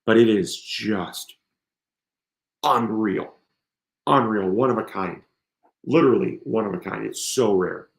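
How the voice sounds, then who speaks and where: A man's voice: lowish voice, unhurried, vocal fry, pauses often, roomy sound. A man hosting a gardening live stream, gushing over seeds and plants, his voice strained and tired from coughing. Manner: enthusiastic, gushing. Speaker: gardening channel host. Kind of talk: live stream product showcase.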